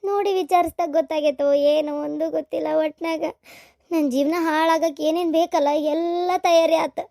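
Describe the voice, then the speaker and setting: This is a tearful, wronged young wife in a cartoon, as a woman voices her, pleading in a North Karnataka Kannada accent. Her voice sits very high. The sound is dry and close. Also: steady tone, moderate pace, creaky, dark tone, dry recording. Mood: aggrieved. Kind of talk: cartoon voice acting.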